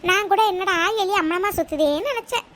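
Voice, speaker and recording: A woman's voice: a little fast, a little hiss or hum. A woman voicing teasing, gossipy village women friends in a cartoon, with a mocking way of talking. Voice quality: squeaky, mocking, calling out loudly. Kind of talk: cartoon voice acting.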